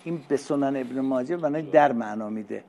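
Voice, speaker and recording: A middle-aged male religious teacher who reads Arabic phrases slowly and then explains them in casual conversational speech. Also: medium pitch, vocal fry, mellow. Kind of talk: lecture explaining Arabic hadith text.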